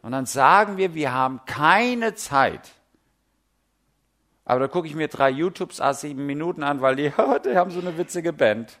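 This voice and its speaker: A middle-aged man preaching a sermon in a lively, conversational way, full of everyday stories and direct questions to the listeners. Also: a little high, brisk, few pauses.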